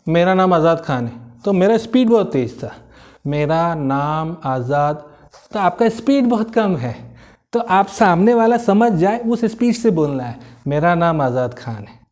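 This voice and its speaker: Speaking in a voice that sits high and a little mellow, a man gives an inspiring talk on how to communicate. His explanation unfolds in steps with everyday examples, while he stresses key words by repeating them and mixes in English phrases.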